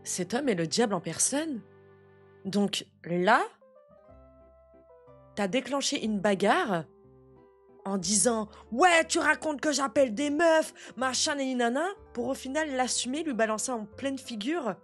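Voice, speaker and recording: Une jeune femme qui réagit à des vidéos, commentant avec indignation et beaucoup d'argot. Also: female voice, fairly high pitch, measured pace, husky, soft background music. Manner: animated, outraged, slangy. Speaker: reaction video host. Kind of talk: casual reaction commentary.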